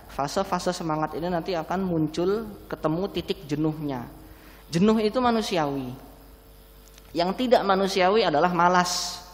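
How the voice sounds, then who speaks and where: Speaking through a face mask and a bit short of breath, a man preaches an Islamic sermon in a big indoor mosque hall. Long reverb carries his high-leaning voice, and he talks his points through in a conversational way, asking the audience questions.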